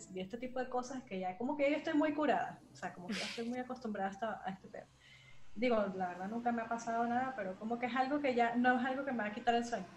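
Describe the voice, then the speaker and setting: A woman's voice: medium pitch, slight background noise. Chatty young woman in an echoey room. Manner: chatty, many fillers, slangy. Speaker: storyteller. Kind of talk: casual chat, telling a paranormal story.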